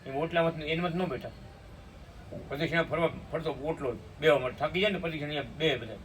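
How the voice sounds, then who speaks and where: Male preacher, narrates and chants slowly, voice set back from the mic. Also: fairly high pitch. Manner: tells a story, breaks into slow chanted hymn lines, asks listeners "hum?". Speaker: spiritual speaker at a satsang. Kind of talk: devotional storytelling sermon with sung hymns. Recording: distant mic with faint room noise.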